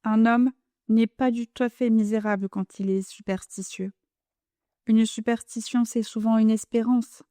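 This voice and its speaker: A woman reading a classic novel as an audiobook, in a measured, composed storytelling manner. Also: on the high side, steady tone, dark tone, dry recording, clean studio sound. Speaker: audiobook reader.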